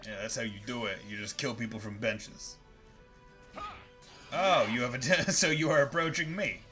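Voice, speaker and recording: With faint game music in the background, a man gives casual live gameplay commentary while streaming. His mid-range voice has a sharp tone and moves at normal speed. He is playful, swears, and keeps making jokey asides.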